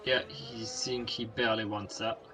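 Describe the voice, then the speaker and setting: Bright-voiced, excitable young male co-commentator. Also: on the low side, normal speed, faint music behind. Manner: excitable, hesitant, bursts of enthusiasm at overtakes, non-native phrasing. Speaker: race co-commentator. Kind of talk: live sim-racing commentary.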